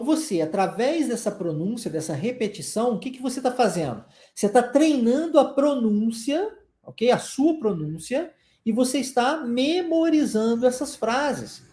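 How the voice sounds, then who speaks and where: A man with a Brazilian Portuguese accent teaching an English lesson, modeling phrases slowly and deliberately and encouraging the listener to repeat after him. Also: very high voice, mellow, reverberant.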